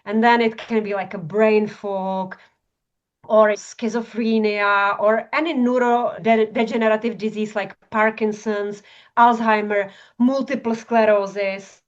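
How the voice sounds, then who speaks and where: A woman's voice: mid-range voice, steady tone, unhurried. A woman from Czechoslovakia, a functional medicine practitioner, explaining passionately in an interview, often ending points with tag questions. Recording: dull lo-fi audio.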